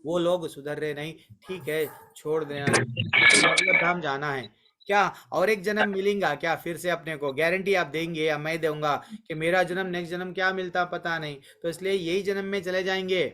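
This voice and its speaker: A man teaching a spiritual class on a video call, animated, often asking rhetorical questions and chanting. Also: a little high, moderate pace.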